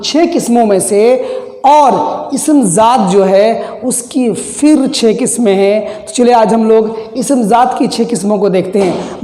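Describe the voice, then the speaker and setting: A teacher giving a grammar lesson at a board, repeating key terms and asking quick questions to check that the class follows. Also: mid-range voice, dark tone. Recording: echoey room with long reverb.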